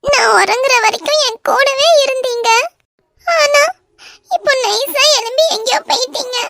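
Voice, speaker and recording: A woman voicing a tearful, very high-pitched young bride. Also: a little slow, vocal fry, fairly bright tone, slight background noise, heavily acted. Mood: tearful pleading. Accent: Kanyakumari Tamil. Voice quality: very high, girlish. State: crying. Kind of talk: animated romance voice acting.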